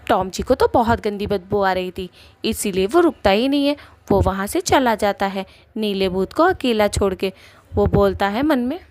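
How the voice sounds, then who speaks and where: A woman's voice: mid-range voice, expressive, normal speed, darkish tone, no echo. A woman giving plain scripted narration for a cartoon story.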